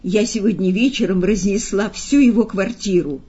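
A woman voicing a curious, excitable young woman who is queen of a ball. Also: mid-range voice, normal speed, husky, close to an everyday voice. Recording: slightly dull lo-fi sound.

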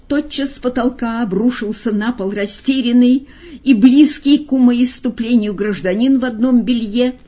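A woman narrating an audiobook in a calm, measured storytelling manner. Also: a little high, husky. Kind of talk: audiobook reading. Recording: dull lo-fi recording.

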